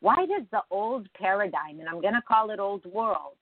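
A woman's voice: medium pitch, lively intonation, normal speed, no echo, phone-quality sound. A woman hosting a morning show, talking conversationally and emphatically straight to her listeners in a reflective spiritual monologue.

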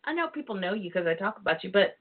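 A woman's voice: mid-range voice, very animated, quick pace. A woman hosting a casual internet radio show with a campy, sassy, bawdy and chatty manner. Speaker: host. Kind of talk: casual solo radio chat. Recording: tinny phone line sound.

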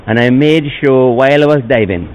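Older man, retired diver turned sanctuary keeper; slow storytelling, voice jumps high at times. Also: darkish tone, smooth, highs cut off. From Bequia, Saint Vincent and the Grenadines. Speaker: turtle sanctuary keeper, interviewee. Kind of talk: interview answers.

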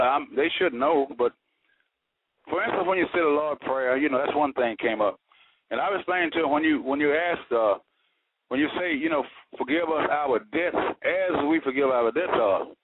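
Earnest, folksy male caller heard over a thin phone line with static. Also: fairly high pitch. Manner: folksy, earnest, preacherly, uses homespun sayings. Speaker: radio call-in caller. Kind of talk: casual call-in talk.

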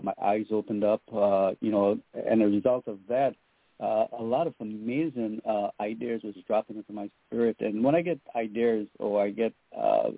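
A man's voice: on the low side, dry recording. A middle-aged man from Trinidad and Tobago, a guest on a radio interview, talking earnestly about his faith and work with many fillers. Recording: tinny phone line, dry.

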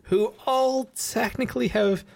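A man's voice: extremely high pitch, fairly even intonation, measured pace, gravelly, darkish tone. A man co-hosting a sports podcast, talking in a casual, bantering way. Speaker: podcast co-host.

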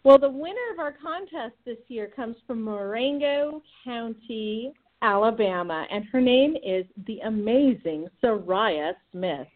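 A woman's voice: a little high, expressive, measured pace, hardly any pauses. A woman guest speaking over a tinny speakerphone line, explaining a contest in an organized, step-by-step way. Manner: organized, walks through plans step by step. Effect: tinny phone line on speakerphone. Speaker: state 4-H program leader, guest. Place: out on location with others around.

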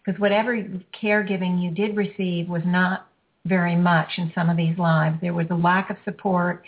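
A woman hosting a healing show, leading a caller through a release in slow, soothing, repetitive phrases. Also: fairly low pitch. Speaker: energy healing radio host. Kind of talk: guided healing session with a caller. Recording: phone-like lo-fi audio.

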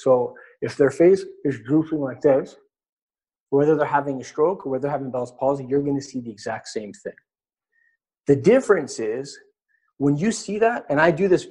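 A man's voice: a little high, mellow, breathy edge. A man teaching a live webinar in a conversational way, demonstrating on an anatomy model as he explains. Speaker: webinar instructor.

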